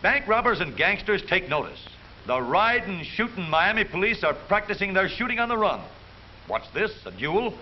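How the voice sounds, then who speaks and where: Music plays behind an American man giving very animated 1930s newsreel narration at a normal speed. His fairly high voice swings widely in pitch through jaunty, theatrical, wisecracking lines. The old soundtrack is dull with a light hiss.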